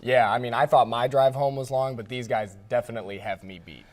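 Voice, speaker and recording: A man anchoring and reporting on a sports magazine show in an even, anchor-style read. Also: mid-range voice, a little fast. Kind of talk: scripted news presenting.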